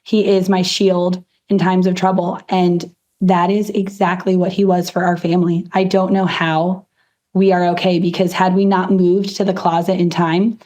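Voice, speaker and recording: A woman in her thirties speaks with a hoarse, exhausted voice. It sits fairly low and moves very little in pitch. She gives an earnest, emotional personal account, as an interviewee would. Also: flat delivery, moderate pace, warm tone. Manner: earnest, faith-filled. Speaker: interviewed hurricane survivor.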